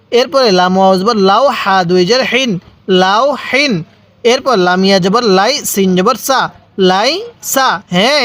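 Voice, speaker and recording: With a high-pitched, fairly bright tone, a Bangladeshi man walks through a recitation lesson step by step. He spells out letters and their vowel marks, holds the long syllables, and has the listener say them back.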